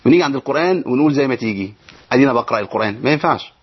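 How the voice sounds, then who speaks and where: A man with an Egyptian accent teaching Quran reading in an online lesson. He explains step by step, poses questions and answers them himself, and recites verses slowly. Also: medium pitch, animated, husky. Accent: Egyptian Arabic. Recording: dull lo-fi sound.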